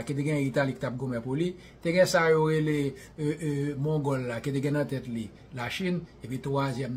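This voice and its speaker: A man's voice: mid-range voice, slight background noise. A man with a Haitian Creole accent giving an impassioned monologue, repeating himself, restarting phrases and asking rhetorical questions.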